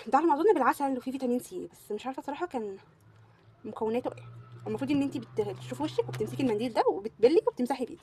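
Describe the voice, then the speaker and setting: A woman's voice: high voice, expressive, very fast, mellow, a little hiss or hum. A young woman with an Egyptian Arabic accent, gushing through a casual beauty product review and repeating words for emphasis. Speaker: beauty vlogger.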